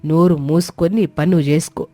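A woman's voice: low-pitched, fairly even intonation, brisk, mellow, dry recording, soft background music. A woman voicing a scheming, domineering middle-aged mother-in-law who talks in a scornful, commanding way. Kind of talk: Telugu audio drama acting.

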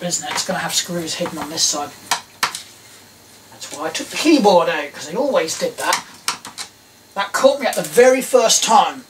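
A middle-aged Englishman with a high voice and an English accent tinkers with old electronics for a video, casually thinking aloud, muttering and questioning himself. A camera mic a little away picks him up in a small tiled workshop, with distant sound and clear workbench noise from clicking, clattering tools.

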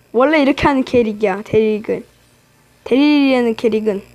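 High-voiced woman narrating her gameplay. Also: a little mellow, low-quality recording. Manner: playful, teasing trash talk at opponents. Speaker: gaming channel host. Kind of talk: live game commentary.

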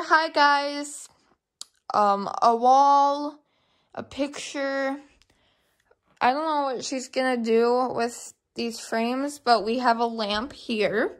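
Moving through the rooms of her home, a young woman gives a house tour to a handheld camera or phone held at arm's length. Her voice is a little high and fairly bright, and she talks very slowly, hesitant and rambling as she works out her thoughts aloud.

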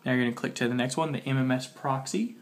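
A man's voice: mid-range voice, steady tone, quick pace. A man with a mid-range voice hosts a casual how-to for a phone. He sounds sick and slightly muffled. He talks while he works, going step by step and carefully spelling things out. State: sick with a cold. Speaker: tutorial host.

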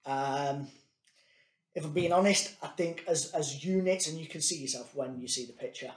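A man with a fairly high pitch speaks at normal speed while casually showing off gear, chatty, thinking aloud and heavy on ums and uhs. He's a product demonstrator in an echoey meeting room with a large table, heard through conference room device mics at varying distances, often far off.

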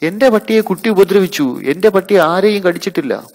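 A man voicing an angry woman dog owner who shouts accusations in a shrill voice. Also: lively intonation, a little fast, in a large hall, natural voice. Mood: indignant shouting.

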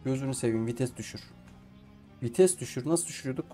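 He's a gameplay streamer working through a survival game, frustrated and cursing at it often as he talks to himself and the on-screen characters in a casual let's play. His mid-range voice is mellow and a little fast, with faint music behind it.

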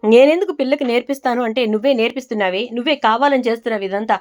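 A woman's voice: a little high, racing, darkish tone, natural voice. A woman voicing a hurt young wife who apologizes tearfully to her mother-in-law.

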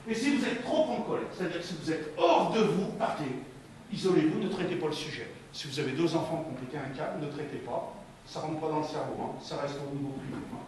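A man giving a lively, colloquial talk to parents at a conference, speaking straight to the audience and often repeating his words. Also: on the high side. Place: conference hall. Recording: very echoey hall, distant from the mic, faint noise.

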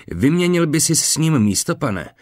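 A male narrator voicing a calm, methodical Roman army surgeon in an audiobook, speaking in a steady, instructive, lowered tone. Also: no room sound, studio quality. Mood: measured. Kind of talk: audiobook character reading.

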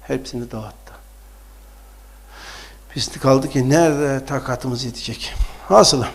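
A man preaching and telling religious stories, acting out the dialogue and swinging from hushed lines to loud outbursts. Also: mid-range voice, slow, gravelly. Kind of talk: storytelling sermon.

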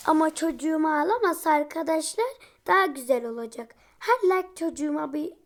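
A woman with a talks to her viewers in a high voice. She sounds chatty and exasperated, and she keeps throwing jokey asides to the people watching. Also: brisk. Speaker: vlogger. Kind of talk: comedic role-play vlog.

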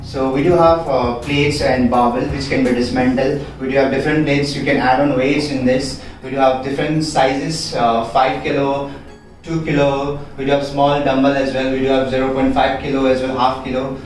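A man's voice: medium pitch, flat delivery, moderate pace, faint music behind. Echoey male fitness trainer. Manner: explanatory, repeats "we do have". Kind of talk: equipment walkthrough. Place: small room in a home gym. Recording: echoey room, distant from mic.

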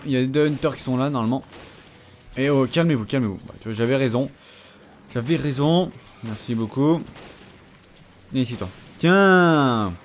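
A man giving casual commentary over his own gameplay, chatty and teasing the enemies he fights. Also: mid-range voice. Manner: chatty, taunts enemies, frequent fillers. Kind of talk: casual let's-play commentary.

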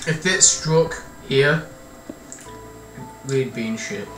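A man's voice: mid-range voice, slow, music in the background. A young man hosting casual gameplay chat, joking, laughing and swearing freely. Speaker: gaming channel host. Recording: echoey, far from mic, noisy.

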